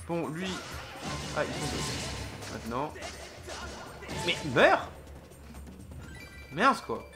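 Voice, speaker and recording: A man's voice: a little high, very animated, very slow. A man giving casual gameplay commentary as a let's play host, thinking aloud and hesitating with many fillers. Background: game music.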